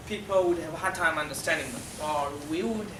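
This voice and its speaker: A middle-aged Dinka-speaking man from South Sudan, a guest speaker, gives a classroom presentation in a halting way, often pausing with fillers. His voice is a little high for a man, and the recording is distant, echoey, and noisy in the background.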